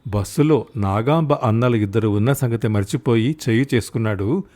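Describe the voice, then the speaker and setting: A man's voice: brisk, a little mellow. Man, storyteller, audiobook narration, acts out the characters. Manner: voices characters with raised pitch and volume.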